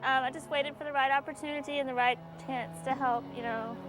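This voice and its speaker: A woman's voice: high-pitched, fairly even intonation, brisk, over music, rough recording. A woman from Texas, interviewed as she adopts a dog, apologizing and fighting back tears as she talks. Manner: tearful, apologetic, laughing through emotion. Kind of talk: emotional interview.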